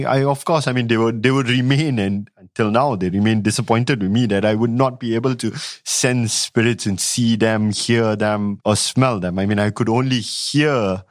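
A man from Singapore, an academic researcher, answers interview questions thoughtfully, often restarting and hedging with fillers. His voice is lowish, captured in a dry, clean studio recording.

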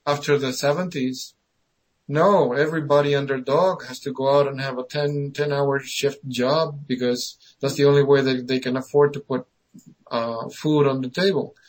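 A man's voice: mid-range voice, fairly even intonation, normal speed, poor audio. A man in his fifties from Argentina, hosting a radio talk show in a conversational, emphatic way. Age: 50s. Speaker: radio host.

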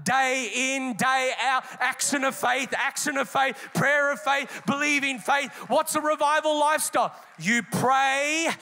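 A man preaching a sermon in a high, bright voice. He is emphatic and builds rhythm by repeating his phrases. The tone is forceful throughout. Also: fairly even intonation, unhurried, hardly any pauses. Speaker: pastor.

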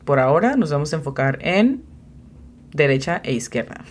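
A woman with a deep, animated voice hosts a beginner English lesson at a moderate pace, patiently explaining vocabulary, spelling out words, and cheering on her student. She's a language teacher and host on a bilingual English lesson podcast.

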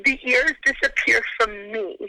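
A woman calls in and is heard through a phone set on speaker. Her voice is high, sharp and tense, with a gravelly fry at the ends of phrases. She talks in an excited, rushed, spooked way. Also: dry recording, low-quality recording. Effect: heard over a phone on speaker. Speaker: caller. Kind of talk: casual phone call.

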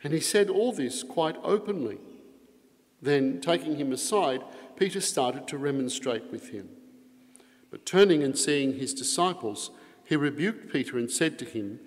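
A man serving as priest reads the gospel and then preaches a homily with earnest emphasis, his voice carried by a cathedral echo. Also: fairly high pitch. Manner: earnest preaching with strong emphasis on key phrases. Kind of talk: Mass gospel reading and homily. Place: large church. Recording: long echoing reverb of a large church.

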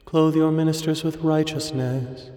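A man with a slightly high, mellow voice leads a prayer service. He recites solemnly and evenly, at times almost chanting. His words ring out in a long, echoing church-like reverb. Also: level tone. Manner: measured, solemn, partly intoned. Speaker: officiant leading morning prayer. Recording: echoey church-like hall, long reverb, music.

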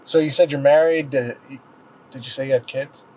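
A man's voice: mid-range voice, fairly even intonation, normal speed, darkish tone. A man hosting a weekly podcast, upbeat and friendly, asking short questions. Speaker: podcast host. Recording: slightly dull lo-fi sound with faint noise.

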